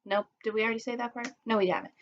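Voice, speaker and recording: A primary school teacher leads a storytime lesson and read-aloud for young children, speaking rapidly in a fairly high voice. Her delivery is expressive, with simple, instructive phrasing, and the home recording is slightly muffled with a little hiss or hum.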